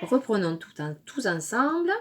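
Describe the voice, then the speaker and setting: A woman's voice: mid-range voice, very animated. A woman with a French accent teaching a phonics lesson to young children, stretching out syllables and praising often. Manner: drawn-out syllables, encouraging praise.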